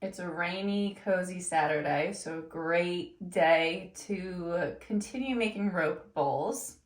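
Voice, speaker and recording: A woman's voice: lowish voice, slow pace, roomy sound, soft background music. A woman sewing at home, thinking aloud in a casual, unsure way and trailing off. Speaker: sewing vlogger. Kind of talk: casual muttering while sewing.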